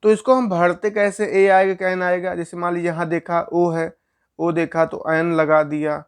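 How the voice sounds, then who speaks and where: A man's voice: sits high, level tone, moderate pace, clean tone. A man teaching a grammar lesson, explaining step by step and asking questions he answers himself.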